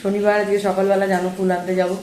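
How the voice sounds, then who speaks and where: A woman's voice: mid-range voice, flat delivery, racing, darkish tone, reverberant, slight background noise. A woman vlogger chatting casually to her viewers about her day at home. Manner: chatty, talks straight to viewers. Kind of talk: casual vlog chat.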